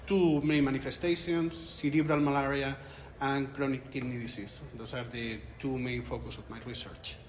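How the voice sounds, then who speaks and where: At a conference interview, a Spanish researcher in his forties answers questions thoughtfully in Spanish-accented English, often restarting his phrases. His medium-pitched voice has fairly even intonation and a normal speed, with hardly any pauses. The room is echoey with light ambience and slight background noise.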